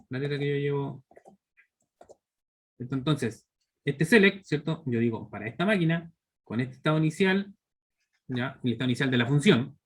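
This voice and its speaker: A man in his thirties with a Chilean accent, teaching a live online programming class step by step and constantly checking in with his students. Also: fairly high pitch. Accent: Chilean Spanish. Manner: explains step by step, checks in with students through constant tag questions. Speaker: university teacher.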